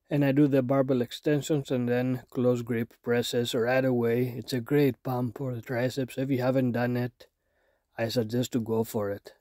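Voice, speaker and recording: A thirties fitness vlogger with a mid-range voice narrates his home workout clips from a small room indoors. He sounds tired after little sleep, talking in a relaxed, plain-spoken way full of fillers and restarts. The recording is dry and studio quality.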